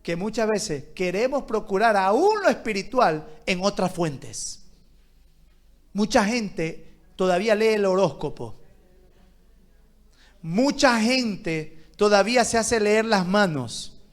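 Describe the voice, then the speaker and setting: A man preaching a sermon as pastor, calling on the congregation to answer and swinging between loud exhortation and quiet asides. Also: high-pitched, lively intonation, slow. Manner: calls on the congregation to answer aloud.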